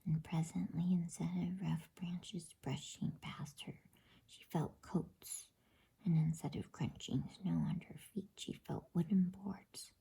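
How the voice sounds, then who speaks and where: A woman reading a bedtime story in a gentle, unhurried ASMR whisper, soft and breathy. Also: on the low side. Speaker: narrator and channel host. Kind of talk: ASMR bedtime story narration, read softly.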